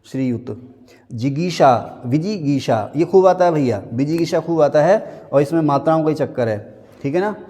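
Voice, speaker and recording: A man teaching a Hindi spelling lesson, naming each common mistake and then slowly spelling out the correct form. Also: on the high side, lively intonation, warm tone, big-room sound. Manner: drills words, stating the wrong and the right spelling again and again; slows right down to spell a word out. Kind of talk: classroom-style spelling lesson.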